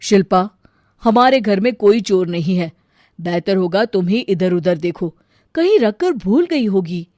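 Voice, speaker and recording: A calm young husband who reasons gently with his family, as a woman narrator puts him on. The voice moves lively up and down and sounds dry and close. It is a cartoon story voice. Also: mid-range voice, unhurried, no echo, natural voice.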